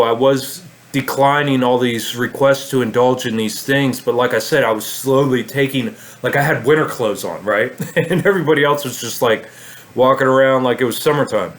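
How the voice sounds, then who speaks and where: A man vlogging a casual storytelling monologue, rambling with many fillers and restarts. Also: medium pitch.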